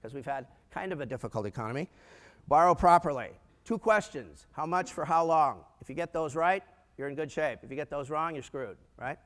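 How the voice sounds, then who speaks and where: Energetic older American man in an echoey hall. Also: a little high, a little fast. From United States. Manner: energetic, rhetorical questions, humorous asides. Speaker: keynote speaker on business finance. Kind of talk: conference presentation. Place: large conference room.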